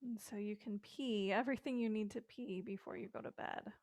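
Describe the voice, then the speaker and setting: A middle-aged woman guiding a yoga session with calm, gentle instructions and casual fillers, recorded indoors on a close mic. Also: medium pitch, a little fast, no echo.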